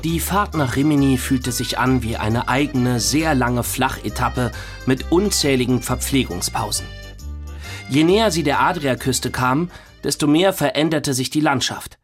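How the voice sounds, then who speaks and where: A man reading an audiobook in lively scripted narration. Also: medium pitch, breathy edge.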